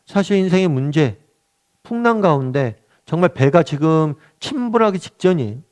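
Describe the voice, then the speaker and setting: A man's voice: fairly high pitch, sing-song, moderate pace, darkish tone. A middle-aged male pastor leading a weekly Bible study, talking conversationally, asking the group questions and acting out quotes. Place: church meeting room.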